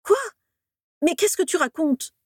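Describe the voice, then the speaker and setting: A woman's voice: sits high, unhurried, darkish tone, no echo, studio quality, pitched above the performer's own voice. A woman voicing an earnest young male wizard student who pleads and insists, conciliatory but exasperated. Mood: pleading.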